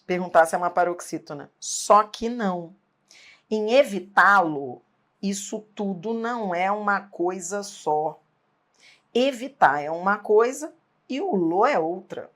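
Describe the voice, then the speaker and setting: A woman teaching an exam-prep grammar lesson, emphatic, asking rhetorical questions and checking in often. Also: lowish voice.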